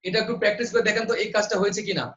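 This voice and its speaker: A man's voice: high voice, fairly even intonation, very fast, fairly bright tone, roomy sound, lo-fi sound. A man teaching an online admission-prep class, quizzing students and repeating the answers.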